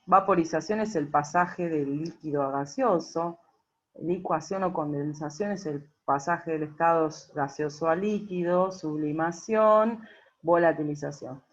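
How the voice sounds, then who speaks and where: A woman's voice: sits low, a little slow. A woman teacher explains a worksheet patiently, checking in often with the class. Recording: dull lo-fi recording.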